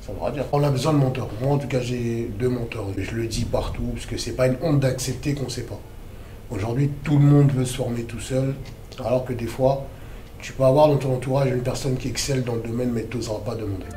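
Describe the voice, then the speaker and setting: A man's voice: medium pitch, fairly even intonation, brisk, mellow, reverberant, a little hiss or hum. A man from the Democratic Republic of the Congo, in his thirties, speaking as an activist interview guest in a casual, emphatic, slangy way.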